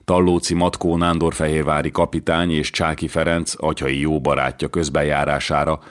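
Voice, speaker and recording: A man narrating a historical novel as an audiobook in an even, measured storytelling manner. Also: very deep voice, dry recording, clean studio sound.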